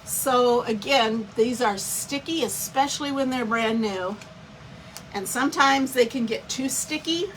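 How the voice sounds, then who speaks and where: A woman's voice: a little high, a little hiss or hum, low-quality recording. A woman giving a chatty, step-by-step live craft demonstration and greeting viewers by name as she works. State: has the hiccups. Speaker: craft instructor.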